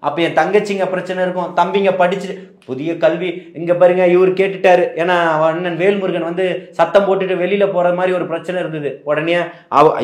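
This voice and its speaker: A fiery male party spokesman fires back at an interviewer with rhetorical questions that swell into impassioned outbursts. His voice sits fairly high for a man, and it rings with echo from the setting. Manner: combative, rhetorical questions, rising to impassioned shouting. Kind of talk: heated political interview.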